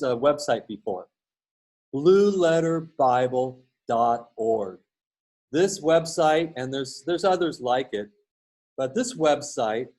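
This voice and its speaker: Slow-speaking man teaching a lesson. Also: fairly high pitch, a little mellow. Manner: unhurried, explanatory, with many fillers and restarts. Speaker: instructor. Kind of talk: recorded lecture with screen share.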